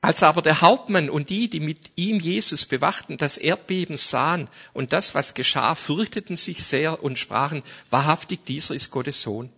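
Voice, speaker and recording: Preacher guy, high bright husky voice, goes soft then loud, kinda dull lo-fi audio. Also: moderate pace, hardly any pauses. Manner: swings from soft to loud when reading scripture; speaks directly to the congregation. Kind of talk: sermon. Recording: dull lo-fi sound.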